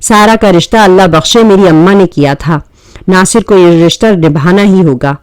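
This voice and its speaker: A woman's voice: fairly low pitch, no room sound, studio quality, natural voice. A woman reading a novel aloud, voicing a proud, affectionate middle-aged mother who scolds and insists firmly.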